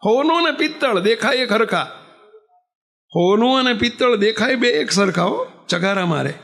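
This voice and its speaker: A man's voice: high-pitched, normal speed, creaky. A man, a monk preaching a sermon, telling stories and asking the audience rhetorical questions. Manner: lively storytelling with rhetorical questions.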